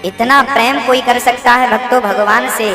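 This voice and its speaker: A man's voice: very high-pitched, fairly even intonation, normal speed, over a noisy crowd. A man telling a devotional story in a sermon, emotional and rhythmic, with many repetitions. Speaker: spiritual storyteller. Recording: echoey hall with faint music.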